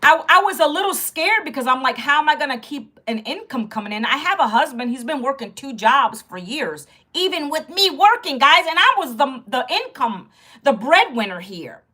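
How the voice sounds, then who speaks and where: Speaking at normal speed in a sharp, high voice that swings widely in pitch, the livestream host chats with her audience, addressing them often as she discusses being let go from her job. She's from Virginia, in her fifties, nursing a sore back and worried her voice will give out.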